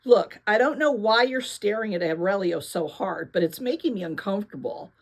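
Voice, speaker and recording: A woman's voice: medium pitch, animated, normal speed. Blunt, teasing storybook teen girl, as a woman reader voices her.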